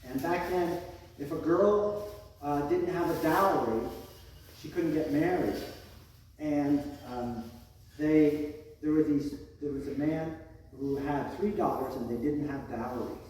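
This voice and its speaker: A man tells a comic first-person saint tale for a parish quiz, stumbling, restarting and padding with fillers. His voice sits a little high and comes from some distance off. A big hall adds long, booming echo. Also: a little mellow, a little hiss or hum. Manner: rambling, halting, many fillers and restarts. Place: large echoey parish hall. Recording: echoey hall, voice from far off.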